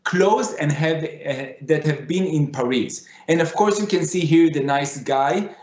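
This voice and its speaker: A man's voice: fairly high pitch, measured pace, a little mellow. A man with a Middle Eastern accent, a non-native English speaker, giving a conference lecture and repeating phrases for emphasis. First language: not English. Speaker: conference speaker, digital fashion designer. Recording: echoey room, slightly dull sound.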